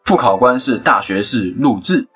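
A podcast host with a Taiwanese Mandarin accent retells a legend on a casual storytelling show, chatty and animated, with quick asides and laughs. His voice is medium-pitched and husky. Faint music plays behind him.

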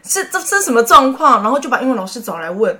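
Taiwanese woman, middle-aged, teacher co-host; bright-toned animated storyteller, laughs a lot, sits a little high. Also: fast talker. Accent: Taiwanese Mandarin. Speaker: podcast co-host, teacher and mother. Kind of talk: casual chat.

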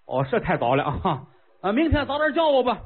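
A man's voice: wildly swooping pitch, a little fast, breathy edge, full character voice. A man voicing an impatient, girl-crazy ancient king who pleads and whines eagerly. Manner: eager, whiny, high-pitched pleading. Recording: tinny lo-fi phone-like sound.

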